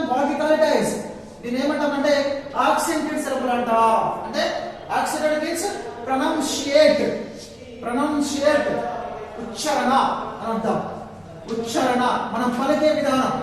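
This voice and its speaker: A high-voiced man with a Telugu accent, teaching a class in a slow, drawn-out way and repeating himself often. He is recorded from far off in a very echoey room with a long reverb tail. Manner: repetitive, stretching words slowly, mixing English and Telugu. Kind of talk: classroom lesson.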